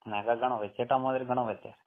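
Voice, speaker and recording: On a private phone call, a man with a Marwari accent from western Rajasthan chats casually. His mid-range voice is steady and quick, and the telephone line makes the recording tinny.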